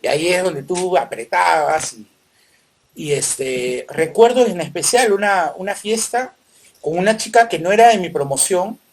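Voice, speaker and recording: A man's voice: high voice, animated. Middle-aged Peruvian man, podcast co-host, laid-back storyteller, filler-heavy. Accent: Peruvian Spanish. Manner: warm reminiscing, unhurried, many fillers. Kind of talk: casual chat.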